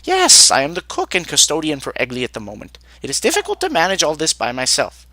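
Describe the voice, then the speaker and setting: A man's voice: on the high side, animated, very fast, bright, forceful tone, dry recording. A man voicing a tired, overworked male Vahnatai cook who speaks in a stiff, formal way and grumbles about his workload. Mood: weary. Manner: tired, complaining, formal stilted speech.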